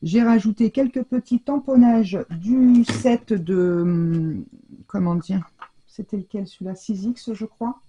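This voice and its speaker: A woman's voice: mid-range voice, slow pace, dark tone, breathy edge. An older woman chatting casually through a scrapbooking tutorial from her home craft room, thinking aloud as she works. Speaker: scrapbooking vlogger. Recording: dull lo-fi sound.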